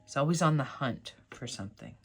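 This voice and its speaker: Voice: medium pitch, lively intonation, a little fast, slight background noise. A tarot card reader hosting a casual pick-a-card reading, speaking to viewers in an encouraging, affirming and conversational way.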